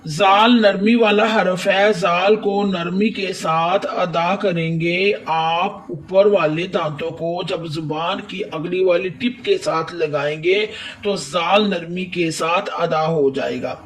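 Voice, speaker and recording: Male tajwid teacher with a Pakistani Urdu accent, unhurried and methodical, drawing out each recited word; voice sits back from the mic. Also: sits high, fairly even intonation, a bit bright, far from the mic. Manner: slow, patient explanation with drawn-out recited words. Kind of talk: step-by-step tajwid lesson.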